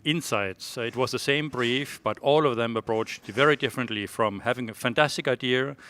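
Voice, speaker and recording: A man's voice: medium pitch, fairly bright tone. Man from Germany, panel judge. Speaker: consultant and festival chairman, judge. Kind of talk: interview answers.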